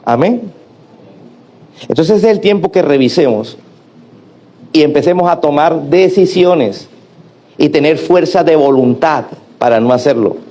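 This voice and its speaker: Lively high-voiced pastor preaching. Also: male voice, unhurried, long pauses. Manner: animated preaching with acted-out quotes and call-and-response. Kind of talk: sermon.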